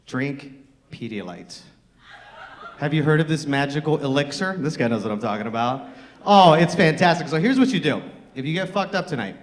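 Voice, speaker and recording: Lively, crude stand-up comedian man. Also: on the high side. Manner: crude, teasing banter with the crowd. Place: comedy club stage with live audience.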